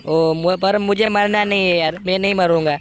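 A man's voice: steady tone, normal speed, lightly acted. A man voicing a timid, easily frightened young man with a shaky voice, as gaming commentary in character. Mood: scared. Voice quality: high, shaky voice. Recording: noisy background.

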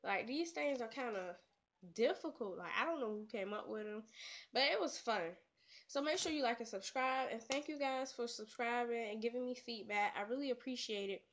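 A woman's voice: a little high, moderate pace, a bit bright, a little hiss or hum. A woman vlogger, attempting tongue twisters in a casual challenge video, playful and teasing. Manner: playful, trash-talking, laughs at her own slips.

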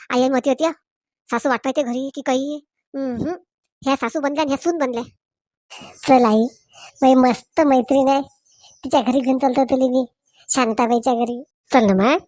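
A woman's voice: high-pitched, darkish tone, no echo, studio quality. A woman performing a village comedy sketch, switching between several characters in rustic dialect.

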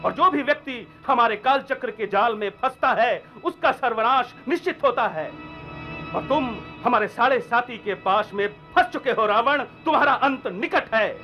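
A man's voice: extremely high pitch, animated, normal speed, muffled recording. A man playing a merciless, menacing god of doom, making ominous proclamations in a mythological TV drama. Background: background music.

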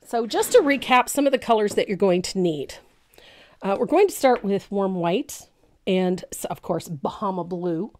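This painting teacher, a woman in her sixties, sounds animated at a moderate pace, with a medium-pitched voice that's a bit congested and gravelly. She hosts a casual live tutorial in her indoor home craft studio, chatty and warm, laughing often with plenty of ums, on a boom-arm studio mic.

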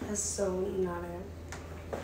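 A young woman with a mid-range voice chats casually in slang. She is in a home kitchen some distance from the phone, with clear echo and noise. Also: medium pitch, flat delivery, extremely slow. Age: young adult. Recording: echoey, noisy room livestream.

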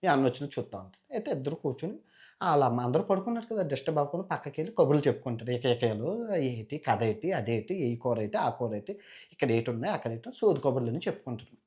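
A man speaking, casually retelling an old epic. He breaks off into chatty, moralizing asides to his viewers. His pitch sits in an average range. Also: very animated, fast, darkish tone. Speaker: storyteller, channel host.

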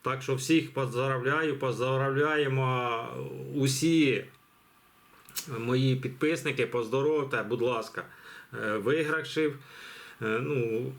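A man, running a live giveaway for his viewers. He rambles along in an easygoing way, full of fillers and restarts. His pitch sits at an ordinary middle height for a man. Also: takes it slowly. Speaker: channel host running a giveaway. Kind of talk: casual live commentary.

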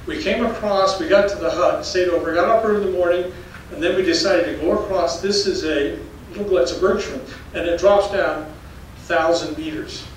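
An older man talks at normal speed in a high voice with hardly any pauses, a geology professor giving a public storytelling slide lecture. Between his folksy, anecdotal stories he chuckles. The darkened lecture hall, filled with an audience, is very echoey on the distant mic, and faint noise is present.

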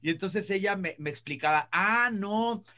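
This entertainment show panelist, a middle-aged man with a Mexican accent, shares anecdotes and chats casually over a video call from an indoor room, using a video call mic. He speaks at normal speed in a high-pitched voice with a sharp tone.

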